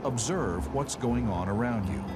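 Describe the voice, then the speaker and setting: Animated male narrator over loud music. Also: mid-range voice, a little slow. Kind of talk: scripted instructional narration in short directives.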